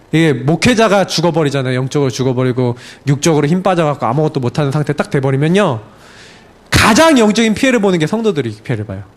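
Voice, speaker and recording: Middle-aged male pastor, high voice, very expressive delivery, animated sermon storyteller. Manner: animated storytelling with laughs and acted-out cries.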